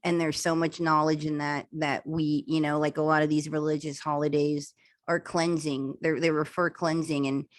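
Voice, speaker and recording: A woman's voice: low-pitched, flat delivery, normal speed, dry recording. A woman guest speaker talking earnestly and chattily on a video call, with many "um"s and "like"s. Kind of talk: casual video-call chat.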